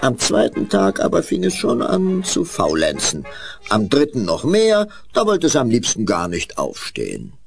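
A man narrating a children's fairy tale in an expressive storytelling way. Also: mid-range voice, measured pace, creaky, faint music behind.

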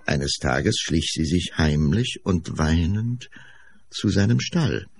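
A man narrating a fairy-tale radio play in a slow storytelling manner. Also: low-pitched, gravelly, slightly rough, soft background music. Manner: slow, storytelling, lively emphasis.

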